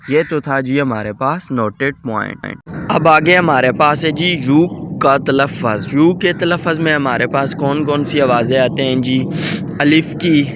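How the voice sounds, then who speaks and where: A man's voice: mid-range voice, a bit bright, slight background noise. A man teaching English vowel sounds step by step, saying each word and then its meaning, with a polite filler word throughout. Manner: methodical, repeats each word then gives its meaning, adds "ji" often. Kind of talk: step-by-step vocabulary lesson.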